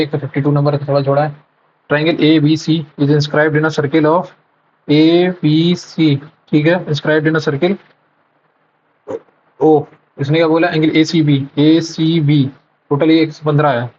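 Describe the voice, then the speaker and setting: A man's voice: a little high, flat delivery, unhurried, a little hiss or hum. A man tutoring for exams, thinking aloud as he solves math problems, muttering numbers and correcting himself while mixing in English terms. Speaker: exam prep tutor solving a live mock test. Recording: dull lo-fi sound.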